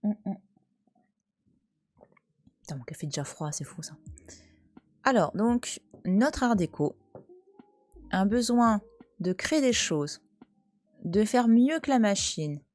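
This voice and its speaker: A woman's voice: mid-range voice, expressive, takes it slowly, long pauses, darkish tone, no echo. A French woman in her thirties, chatting casually and teasingly on a live stream from home, talking back to her chat. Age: 30s. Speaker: Twitch streamer. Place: at home, cat nearby.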